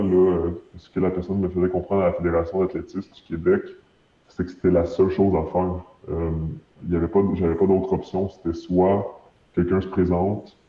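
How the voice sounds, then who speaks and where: A man with a Quebec French accent gives halting testimony, searching for words, his voice shifted deep to hide his identity. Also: reverberant, muffled recording. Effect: voice pitch-shifted down to disguise identity. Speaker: anonymous witness being interviewed.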